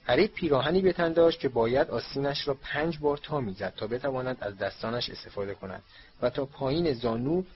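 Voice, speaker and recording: A man narrating a children's storybook in a steady, measured reading voice. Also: mid-range voice. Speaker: audiobook narrator. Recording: slightly dull with faint hiss.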